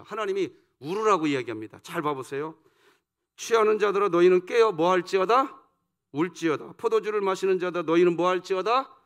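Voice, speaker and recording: A pastor preaching a dawn service sermon, asking the congregation questions and swinging between loud emphasis and soft, low asides. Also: male voice. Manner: rhetorical questions put to the congregation. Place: church sanctuary.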